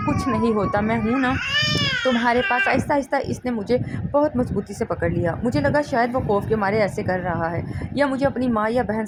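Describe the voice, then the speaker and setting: Woman narrating a dramatic story over noise. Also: a little high. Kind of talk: first-person story narration. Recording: steady background noise.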